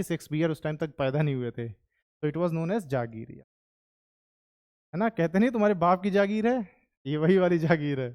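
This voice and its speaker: High-voiced man teaching a class. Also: darkish tone. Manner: chatty, keeps checking students follow, mixes in English. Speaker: history teacher. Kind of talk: classroom lecture to exam students.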